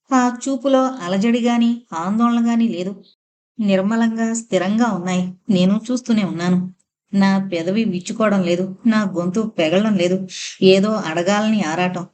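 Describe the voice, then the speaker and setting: Female audiobook narrator, mid pitch, emotional first-person novel reading. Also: normal speed, a little mellow.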